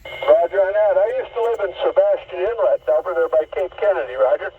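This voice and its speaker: A man heard over a slightly mistuned sideband CB radio, talking as a radio operator in measured on-air procedure and closing his turns with "roger". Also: high voice. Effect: slightly mistuned sideband CB radio signal. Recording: muffled radio audio with faint hiss.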